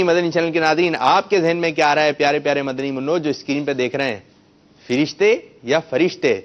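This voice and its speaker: A man's voice: on the high side, background noise. A man hosting a children's quiz show, coaxing the kids and correcting their pronunciation. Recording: muffled lo-fi broadcast sound.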